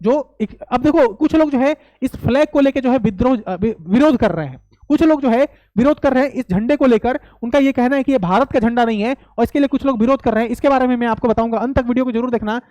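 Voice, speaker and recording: Young male coaching teacher lecturing, high voice, dry close sound, emphatic and repetitive with rhetorical questions. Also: fast, few pauses, darkish tone, dry recording, muffled recording. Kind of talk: classroom-style lecture.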